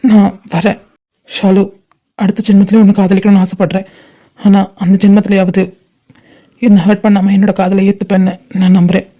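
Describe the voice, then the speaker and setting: A woman's voice: medium pitch, little pitch movement, brisk, pauses often, dark tone, natural voice. A woman voicing a heartbroken young man in a fan-made cartoon, pleading and repeating please as he turns away his love. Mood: firm, sad.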